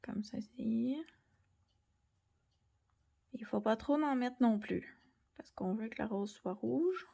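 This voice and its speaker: A young woman with a Québécois French accent, gently explaining a colored pencil drawing tutorial and sometimes dropping to near-whispers. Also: on the high side, animated, a little slow, gravelly. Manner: gentle, soft-spoken, drops into near-whispers while drawing. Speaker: art tutorial host.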